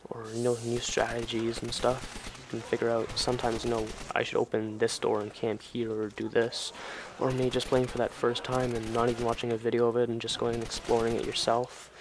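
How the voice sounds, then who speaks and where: A man's voice: medium pitch, completely flat delivery, brisk, hardly any pauses. A teenage boy giving casual, rambling gameplay commentary at home at night, swearing freely as he chats into his mic. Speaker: gamer. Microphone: desk or headset mic. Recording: game gunfire noise loud underneath. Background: video game gunfire and ambience.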